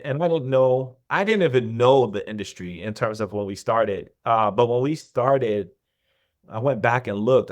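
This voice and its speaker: Low-voiced man telling his story. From Nigeria. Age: 30s. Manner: relaxed, rambling, restarts and laughs easily. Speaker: podcast guest, business founder. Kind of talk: casual interview storytelling.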